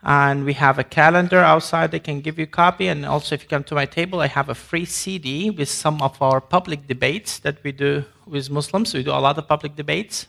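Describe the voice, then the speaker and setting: A man's voice: a little high, fairly even intonation, a little fast, creaky, hardly any pauses, sharp tone. A man from Sudan giving an emphatic ministry presentation to an audience, with grammar and frequent restarts. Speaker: ministry speaker.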